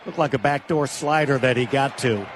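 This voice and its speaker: A man giving radio baseball color commentary, talking through the game in relaxed, conversational analysis. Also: mid-range voice, normal speed, a faint crowd, slight background noise.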